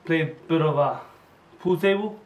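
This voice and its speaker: A laid-back teenage boy with a New Zealand accent answers questions in easy slang. His voice is a touch high. He sits away from the mic in an echoey room. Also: moderate pace, recorded from a distance. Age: teens. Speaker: interview guest, student boarder.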